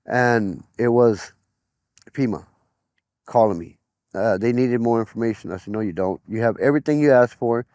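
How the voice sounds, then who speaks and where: Middle-aged man, interview testimony, plain-spoken, mid-pitched voice, dry close mic. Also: moderate pace, darkish tone, dry recording. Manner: plain-spoken, retells conversations as quoted dialogue.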